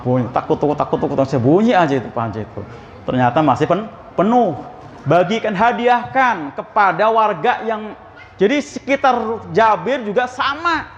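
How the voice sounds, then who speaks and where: A man's voice: high voice, lively intonation, normal speed, in a large hall. A man preaching in a mosque. He talks in a chatty way, asks the congregation questions and acts out the dialogue of the people in his story. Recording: slightly dull, faintly noisy.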